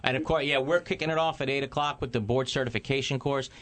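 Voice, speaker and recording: A man's voice: mid-range voice, fairly even intonation, quick pace, a bit bright. A man hosting a call-in radio talk show, addressing listeners and interviewing guests. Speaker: radio host, attorney.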